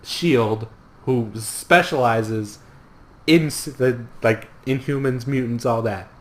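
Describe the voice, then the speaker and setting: A man's voice: medium pitch, slow pace. A man swearing and joking while recapping a TV episode with friends. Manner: swearing, jokey, acts out characters. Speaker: podcast co-host. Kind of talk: casual TV recap chat.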